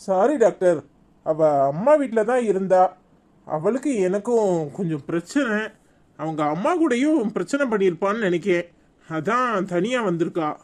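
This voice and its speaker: A man's voice: sits high, lively intonation, normal speed. A man voicing a hot-tempered, insistent estranged husband in a cartoon comedy, speaking Tirunelveli Tamil in a pleading yet stern way. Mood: apologetic.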